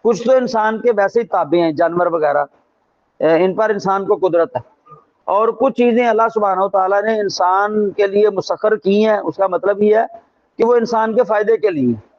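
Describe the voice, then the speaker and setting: A man's voice: high voice, dull audio. A man teaching a Quran translation class with a Pakistani Urdu accent, reciting verses and explaining them with rhetorical questions and emphatic repetition. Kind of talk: religious class lecture.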